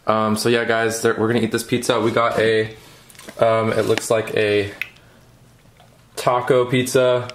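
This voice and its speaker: A man's voice: fairly low pitch, measured pace, long pauses. A father vlogging casually at home, rambling to a handheld camera. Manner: relaxed, rambling, talking to camera. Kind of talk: casual vlog chat. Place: home, indoors. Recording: echoey room with clear background noise.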